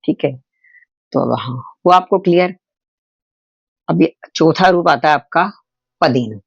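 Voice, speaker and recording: Male teacher, patient and repetitive, with a gravelly, slightly high voice, recorded in a dry, muffled setup. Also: dry recording. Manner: patient, explains slowly with repetition and examples. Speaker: Hindi teacher. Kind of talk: step-by-step grammar lesson for children.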